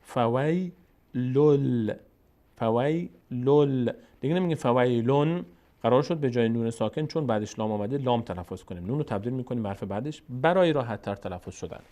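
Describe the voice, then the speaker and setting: A man teaching Quran reading step by step, explaining rules and slowly drawing out syllables to model them. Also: mid-range voice, expressive, dark tone.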